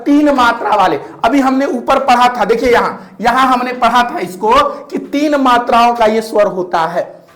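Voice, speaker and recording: A man teaching a grammar lesson, repeating each point and often asking whether it is clear. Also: very high voice, a bit bright. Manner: repetitive, checks in often with rhetorical questions. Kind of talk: classroom-style grammar lesson.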